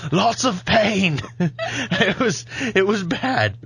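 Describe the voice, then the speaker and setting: A man's voice: high voice, sing-song, drawn-out words, a bit bright, husky, no room sound. Guy hosting a podcast, self-mocking jokes, rambly chat. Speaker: podcast host. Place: studio.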